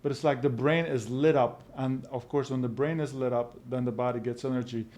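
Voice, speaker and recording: A man in his forties from Belgium, a podcast guest explaining his views in a calm, measured way. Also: mid-range voice. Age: 40s. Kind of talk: casual podcast conversation.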